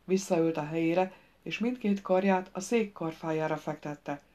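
A woman's voice: lowish voice, warm tone. Woman reading an audiobook. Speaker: audiobook reader. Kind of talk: scripted audiobook narration.

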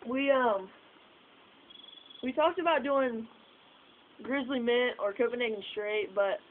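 A woman's voice: a little high, takes it slowly, a little hiss or hum. Rambling young woman on tinny phone audio. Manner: rambling, filler-heavy, swearing. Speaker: vlogger. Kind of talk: casual vlog chat. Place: outdoors at night by a house porch. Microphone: phone camera set far away.

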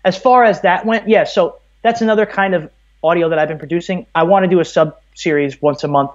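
As a podcast guest in a casual interview, an audio producer from Brooklyn, New York, in his thirties, explains things at length. His voice is high-pitched and brisk, and the sound is slightly dull and muffled.

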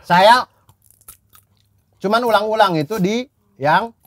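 A man's voice: high-pitched, takes it slowly, dry recording. A man in casual chat, retelling what happened with much expression and laughter.

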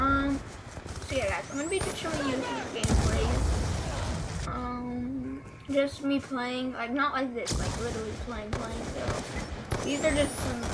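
High-pitched woman talking with braces. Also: heavy background noise. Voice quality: slurred speech from wearing braces. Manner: rambling, hesitant. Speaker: gaming video creator. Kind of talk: casual gameplay commentary.

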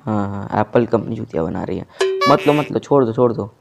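A man's voice: on the low side, lively intonation, fairly quick, creaky. A young man performing a comic sketch of one-sided phone calls, exasperated and repeatedly restarting his greeting. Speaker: comedy sketch creator. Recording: loud background music.

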